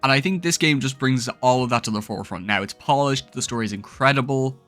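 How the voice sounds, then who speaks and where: A young man commenting on a video game he is playing, reacting with open excitement and emotion and recapping his progress. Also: mid-range voice, quick pace, soft background music. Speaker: gaming YouTuber. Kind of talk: gameplay commentary and recap narration.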